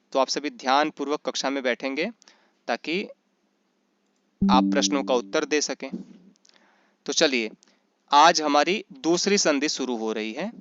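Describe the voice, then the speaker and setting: A man teaching Sanskrit in an online class, asking questions and answering them himself, and slowly chanting grammar rules. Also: mid-range voice, fairly bright tone, smooth, no echo, dull audio. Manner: often checks in with "is that right?". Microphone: computer mic in an online class.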